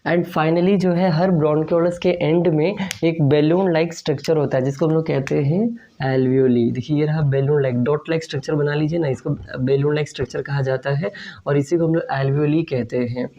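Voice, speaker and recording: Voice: mid-range voice, fairly even intonation, warm tone, muffled recording. A teacher giving an online class lesson who asks questions and answers them, stretches out key terms and says "okay" often. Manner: explains at a board, asks and answers own questions; slow drawn-out stress on key terms, frequent "okay".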